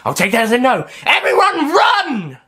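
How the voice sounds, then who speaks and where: A man's voice: very high voice, wildly swooping pitch, noisy background, pitched above the performer's own voice, exaggerated voice. A man voicing the Doctor, an eccentric, dramatic male time traveller, in a fan audio story, talking in a theatrical, sarcastic way. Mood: furious. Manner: theatrical, quick to snap.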